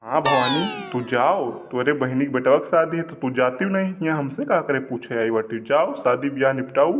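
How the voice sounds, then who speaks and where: A man's voice: medium pitch, normal speed, noisy background. Wheedling man, comedy. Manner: pleading, wheedling, excitable. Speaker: comic village election candidate. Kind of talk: village comedy sketch. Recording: lo-fi recording.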